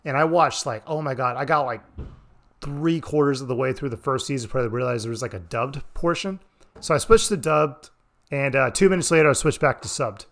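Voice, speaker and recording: A man's voice: medium pitch, fairly quick, a bit bright. A man giving casual, rambling reaction commentary on a stream, swearing freely. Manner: rambling, profane, laid-back.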